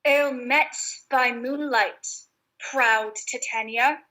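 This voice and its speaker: A woman's voice: high voice, steady tone, slow, pushed and bright, full character voice, poor audio. A woman playing an imperious, jealous fairy king in hammy, theatrical Shakespearean stage verse. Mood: accusing, commanding.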